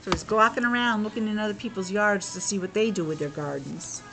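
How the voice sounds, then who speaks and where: Speaking a little fast in a mid-range voice, a teacher reads a picture book to young children and breaks off for chatty asides, explanations and questions. Music plays in the background, and the audio is poor.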